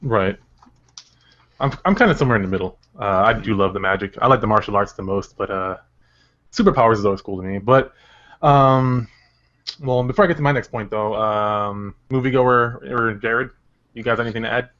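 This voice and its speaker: A man's voice: fairly low pitch, fairly quick, a bit bright. A man hosting a casual podcast chat, talking with a lot of hesitations while he steers the discussion. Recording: dull lo-fi audio.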